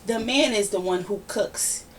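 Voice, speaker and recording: Woman podcast host, casual opinion chat, animated and ranting, a bit far from the mic, faint background hiss. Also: medium pitch, a little slow. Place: home room, relaxed podcast setting. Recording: somewhat distant mic with faint background noise.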